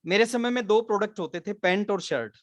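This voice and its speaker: High-voiced earnest man. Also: brisk, no room sound. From Haryana, India. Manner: earnest storytelling, mixes English words into Hindi. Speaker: business trainer. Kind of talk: motivational training talk.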